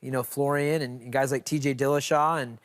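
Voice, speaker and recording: Halting man chatting about fighters. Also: medium pitch, steady tone, no echo. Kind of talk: casual chat, discussing fighters.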